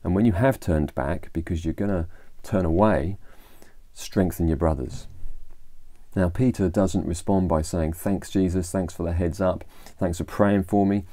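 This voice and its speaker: A man's voice: low voice, steady tone, a little slow, dark tone, no echo. An English man giving an informal devotional talk, retelling a Bible story in a conversational way with fillers and restarts. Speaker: church leader.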